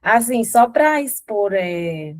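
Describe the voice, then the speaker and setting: A woman's voice: mid-range voice, sing-song, takes it slowly. A woman who teaches in a children's ministry, speaking hesitantly with many fillers over a video call. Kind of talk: casual talk on a video call.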